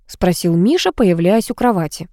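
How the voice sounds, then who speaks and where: A woman narrating a novel aloud, expressive and lifting her voice for the characters. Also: normal speed, no echo, studio quality. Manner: expressive, lifts pitch for quoted characters. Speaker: audiobook narrator.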